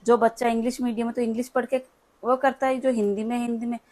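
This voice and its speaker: Woman, 30s, patient chatty home tutor, slightly high voice. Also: level tone, quick pace, a little mellow. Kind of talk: casual home lesson.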